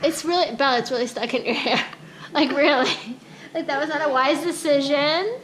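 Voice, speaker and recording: A woman, a mother filming her kids at home, narrating in a playful vlog style with lots of excited, laughing exclamations. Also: high-pitched, moderate pace, slight background noise. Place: house, indoors.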